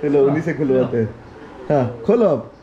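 A man's voice: medium pitch, animated, normal speed, dull audio, a crowd in the background. A man in his forties chatting and laughing as he vlogs his day to a camera held at arm's length, mixing in English phrases. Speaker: vlogger. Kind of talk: casual daily vlog to camera. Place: home, then outdoors at night. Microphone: handheld action camera at arm's length.

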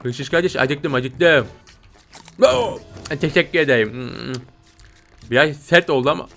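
Brief: young male streamer, bright forceful voice, excitable game commentary with squeals, music underneath. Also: moderate pace, creaky. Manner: excitable, jumps to high squeals and shouts. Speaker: gameplay streamer.

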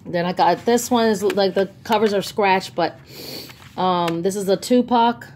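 A woman's voice: medium pitch, unhurried, darkish tone, slight background noise. Chatty woman showing a haul. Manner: chatty, enthusiastic, many ums. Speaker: vlogger. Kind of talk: casual haul video. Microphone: phone held by the speaker, off camera.

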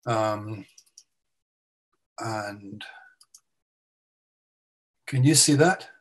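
A man's voice: fairly low pitch, drawn-out words. A man with a Scottish accent, a professor giving an online seminar talk over a video call, thinking aloud with frequent restarts and repeated words. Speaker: guest speaker, professor.

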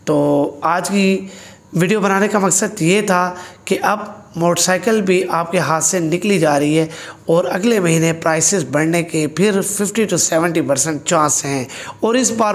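A man's voice: sits high, normal speed. A man, talking to camera in a casual motorcycle vlog, earnest and complaining, full of rhetorical questions. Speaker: motorcycle vlogger. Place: small indoor room with a parked motorcycle. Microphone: fixed camera a few feet away.

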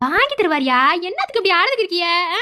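A fussing old cartoon grandmother played by a woman talks quickly in a high, bright voice. She has a Madurai Tamil accent. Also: very animated, exaggerated voice.

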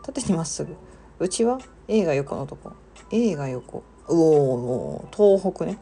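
A woman's voice: sits low, animated, measured pace, vocal fry, warm tone, a little hiss or hum. A young woman hosting a casual live stream, chatting with viewers and reading their comments aloud. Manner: chatty, reads viewer comments aloud, exclaims and laughs often.

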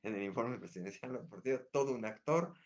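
Man in his sixties with a Mexican accent, hesitant. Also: medium pitch. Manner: unhurried and chatty, many hesitation fillers and restarts. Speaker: history teacher. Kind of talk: casual history lesson.

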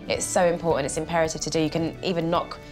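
A woman with a British accent co-hosting a renovation show, advising a homeowner in a brisk, encouraging way. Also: sits low, flat delivery, a little mellow, faint music behind. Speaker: property show co-host.

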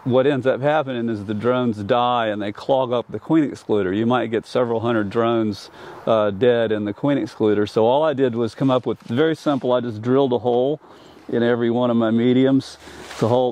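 A man's voice: mid-range voice, steady tone, brisk, darkish tone. An older man and commercial beekeeper from North Carolina, explaining his methods outdoors in a plain, practical way with frequent restarts, on a lapel mic. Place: outdoors in an apiary.

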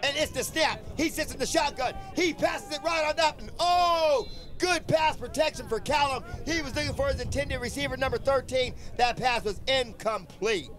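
Man, high-pitched, live American football commentary, emphatic, repeated phrases, loud crowd noise. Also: moderate pace, hardly any pauses. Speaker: play-by-play sports commentator. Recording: outdoor field with loud crowd behind. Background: crowd and outdoor field noise.

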